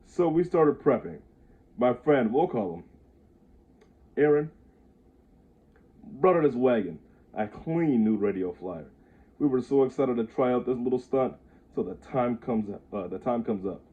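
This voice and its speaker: A man's voice: mid-range voice, animated, unhurried, pauses often. A man in his twenties casually reading aloud his own handwritten story, stumbling over the words and chuckling at himself. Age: 20s. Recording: tinny phone-like audio.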